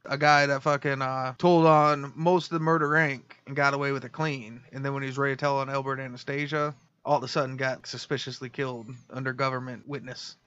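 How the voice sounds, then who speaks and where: A man's voice: mid-range voice, little pitch movement, a little fast, a bit bright, clean tone, dull audio. A man hosting a casual podcast, telling a crime story and reading out quotes. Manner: storytelling, reads quotes, laughs along. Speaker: podcast host.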